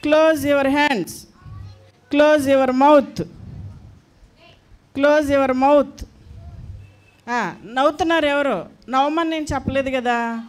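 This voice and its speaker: A woman leads a class of small children. She is firm and coaxing, and she repeats her orders to keep the room in line. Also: high-pitched. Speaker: Sunday school teacher. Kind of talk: teaching young children.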